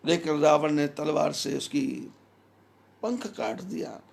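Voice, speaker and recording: Male spiritual teacher, emphatic measured preaching, gravelly edge to the voice. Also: fairly high pitch, darkish tone. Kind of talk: devotional discourse.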